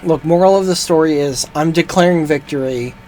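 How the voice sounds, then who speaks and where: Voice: medium pitch, a little fast, darkish tone, a little hiss or hum, poor audio. A game streamer giving casual live gameplay commentary in a joking, rambling, profane way.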